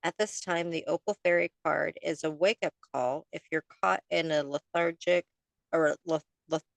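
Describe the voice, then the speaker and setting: A woman's voice: low-pitched, vocal fry, no room sound. A woman co-hosting a podcast in casual chat, reading oracle card text aloud, stumbling over words and laughing often. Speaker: podcast co-host.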